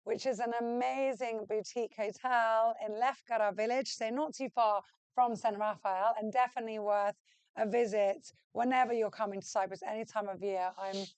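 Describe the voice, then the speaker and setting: Chirpy woman host on a podcast, bit higher voice, super clear, dry close sound. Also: steady tone, a little mellow, no room sound. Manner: upbeat, enthusiastic, quick to chime in. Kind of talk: podcast interview.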